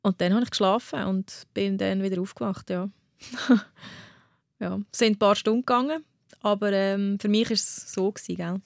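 A woman's voice: medium pitch, steady tone, moderate pace, vocal fry, no room sound, clean studio sound. A woman with a Swiss German accent, candidly telling a personal story in a conversation, with frequent restarts. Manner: candid, restarts often, laughs while telling. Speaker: guest.

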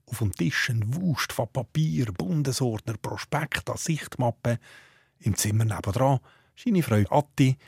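A man with a Swiss German accent narrating a documentary report in a measured, descriptive way. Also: mid-range voice, expressive, creaky, husky, no room sound, studio quality.

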